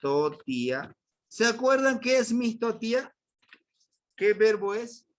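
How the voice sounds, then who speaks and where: A Mexican-accented man teaches a class, his voice pitched high and rising and falling a lot. He speaks slowly, repeating each word and quizzing the students with patience. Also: very animated. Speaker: language teacher. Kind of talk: classroom grammar lesson.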